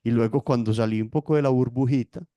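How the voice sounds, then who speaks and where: A man speaks in a lecturing yet conversational way, his voice dark and mellow. The sound is dry and close, with no room around it. He keeps checking in with short tag questions as he explains. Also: medium pitch, steady tone, quick pace, dry recording. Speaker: yoga teacher, guest. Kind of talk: explanatory interview talk.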